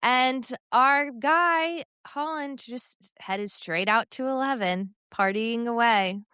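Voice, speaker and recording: Chatty woman with a smooth, dry voice. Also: on the high side, slow pace, pushed and bright, dry recording. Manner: chatty, laughs often, many fillers. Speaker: podcast co-host. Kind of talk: casual sports chat.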